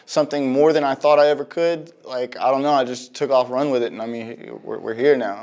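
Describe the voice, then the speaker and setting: Man, 30s, fighter, pre-fight interview, earnest, halting, mid-pitched voice. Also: a little mellow.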